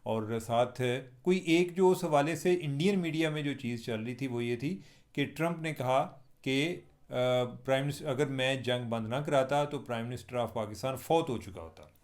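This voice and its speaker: A Pakistani man with a medium-pitched voice and moderate pace speaks with a Pakistani Urdu accent carrying Punjabi touches. He's a journalist on his own channel, offering chatty, wry commentary to viewers in a casual vlog.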